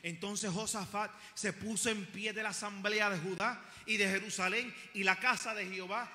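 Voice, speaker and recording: A man's voice: sits high, steady tone, moderate pace, pushed and bright, long reverb tail. A man preaching a sermon in a church, full of passionate rhetorical questions and humorous asides. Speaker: pastor. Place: church sanctuary.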